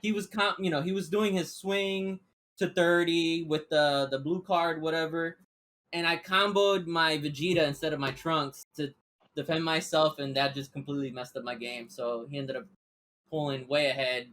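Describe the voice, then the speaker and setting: A man's voice: fairly high pitch, fairly even intonation, normal speed, fairly bright tone. A man talking casually as a card game player, easygoing with many fillers. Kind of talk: casual podcast chat.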